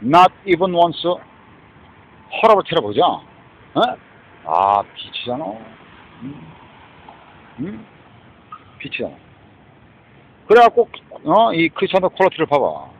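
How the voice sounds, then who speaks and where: A man's voice: on the high side, huge pitch swings, a little slow, long pauses, a little hiss or hum. A man speaking with a Korean accent in an angry, rambling rant. He curses a lot and keeps tagging his lines with a challenging "eh?". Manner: cursing, mixing Korean and English, constant "eh?" tags. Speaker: street preacher-style ranter. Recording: dull lo-fi recording.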